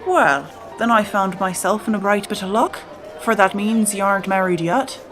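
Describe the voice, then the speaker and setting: A woman's voice: mid-range voice, normal speed, natural voice, rough recording. A roguish pirate captain, acted out by a woman storyteller, boastful and flirtatious in a thick stage pirate brogue. He speaks heartily and coaxingly, with music playing behind him. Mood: wooing, boastful.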